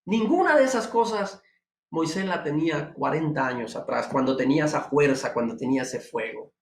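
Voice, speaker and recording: A man preaching with a fairly high voice that climbs sharply on his emphatic rhetorical questions. He sounds like he is in an echoey room, not close on a dry mic. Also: expressive, normal speed, slight background noise. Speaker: pastor. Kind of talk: devotional sermon.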